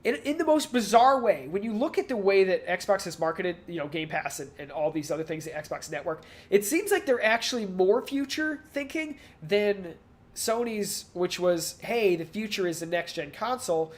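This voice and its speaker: A podcast co-host thinks aloud on a casual talk show about the video game industry, rambling through his analysis and slipping into mock quotes. His voice sits high and moves at a moderate pace.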